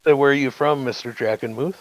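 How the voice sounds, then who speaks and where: A man's voice: mid-range voice, fairly even intonation, fast, no room sound, low-quality recording. A man playing a tabletop game, talking casually and asking the game master lots of questions. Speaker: player.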